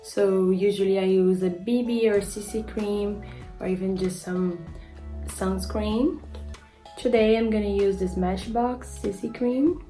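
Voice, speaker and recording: A beauty vlogger and model in her twenties with a Brazilian accent casually goes over her skincare routine, often saying "like" and stumbling over product names. She speaks at a medium pitch with fairly even, mellow intonation and a measured pace, with faint music behind her.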